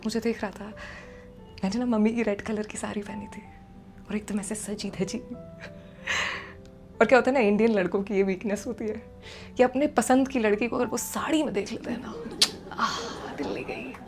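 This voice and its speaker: A young woman performing a comic personal story, chatty and animated, slipping English phrases into her telling. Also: medium pitch, fairly quick, pauses often, faint music behind.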